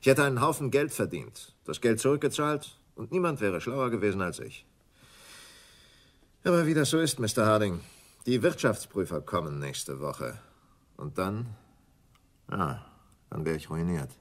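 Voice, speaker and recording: Cool and confiding in mood, the performer uses a fairly low, animated male voice. He portrays a smooth, scheming English stockbroker for a German radio crime drama. His speech is deliberate and condescending.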